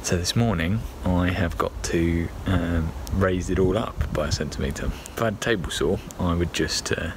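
A man's voice: low voice, normal speed, hardly any pauses, background noise. A young man in his twenties vlogging a garden building project, talking casually with a wry, self-deprecating manner while filming on a phone held at arm's length outdoors. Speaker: home brewing vlogger. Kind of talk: casual vlog narration. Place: outdoors in a back garden and inside a wooden cabin. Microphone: phone camera at arm's length.

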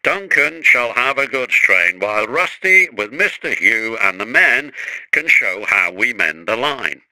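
A man's voice: medium pitch, very animated, a little slow, pushed and bright, no echo, exaggerated voice, rough recording. Man doing a stern storybook railway boss, commanding, dry close sound. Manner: firm and commanding.

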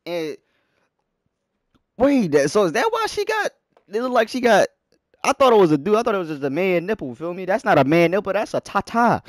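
A young man commentating a horror game as he plays, joking around and yelling in mock panic. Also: high voice, sing-song, brisk, no room sound, rough recording. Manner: loud, jokey, yelling in panic. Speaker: gaming YouTuber.

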